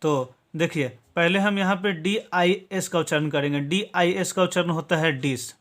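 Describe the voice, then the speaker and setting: A man's voice: sits high, normal speed, fairly bright tone. A man from Bihar, India, teaching English to viewers in a patient, step-by-step classroom style, checking in with 'okay?' after nearly every point. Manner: patient step-by-step explaining, tags many lines with 'okay?'.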